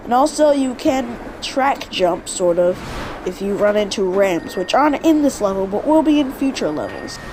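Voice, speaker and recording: Woman gaming host, lively sing-song commentary, game noise underneath. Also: mid-range voice, moderate pace. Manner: chatty, animated, self-correcting. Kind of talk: gameplay commentary. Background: game sound effects.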